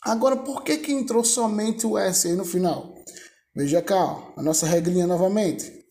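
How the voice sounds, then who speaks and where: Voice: medium pitch, normal speed, dark tone. An English teacher with a Brazilian Portuguese accent giving a video lesson, patiently drilling verb lists and asking rhetorical questions.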